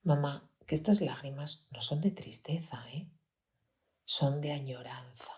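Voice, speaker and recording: A woman voicing her gentle, thoughtful seven-year-old son, speaking softly through tears. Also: on the high side, very animated, takes it slowly. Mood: hushed. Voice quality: softly tearful.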